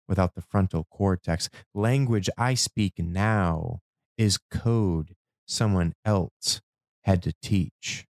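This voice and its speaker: A man performing a spoken-word poetry monologue as a host, with a dramatic, deliberate delivery in short measured phrases. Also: low-pitched, creaky, darkish tone, no room sound, clean studio sound. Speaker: podcast host.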